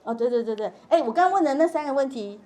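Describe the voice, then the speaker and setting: A middle-aged woman giving a parenting workshop to parents, animated and acting out quoted dialogue. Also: high-pitched, fast. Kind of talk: parent education lecture with Q&A.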